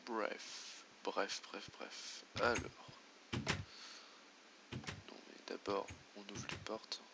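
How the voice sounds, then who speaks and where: A man's voice: on the low side, flat delivery, extremely slow, vocal fry, very noisy. A man doing let's play commentary, muttering to himself and reading game menus aloud. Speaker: gamer.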